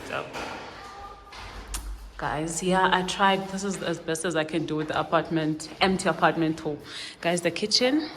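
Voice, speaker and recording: A woman's voice: sits low, normal speed, long pauses, a bit bright, soft background music. A young woman vlogging a chatty, bubbly tour of her empty apartment, walking and filming on her phone. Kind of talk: casual home tour vlog. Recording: echoey bare rooms with background noise.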